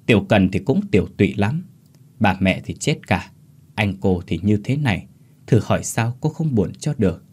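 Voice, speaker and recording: Brief: male storyteller, low, husky, animated pitch, steady scripted narration. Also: moderate pace.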